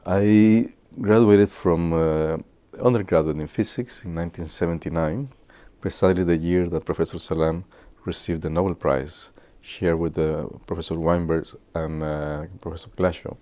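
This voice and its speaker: Guy in his 60s, super low and mellow, lots of uhs while he remembers stuff for students. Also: steady tone. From Guatemala. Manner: halting, with many filler pauses. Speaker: physicist. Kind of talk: reminiscing talk to students.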